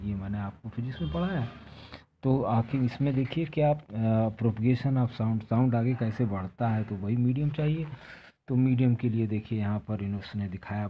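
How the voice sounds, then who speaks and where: Male teacher walking through a textbook chapter, somewhat low voice, rambling delivery, thin phone-quality sound with faint hiss. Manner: rambling with many pauses and restarts. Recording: tinny phone-like recording, faint noise.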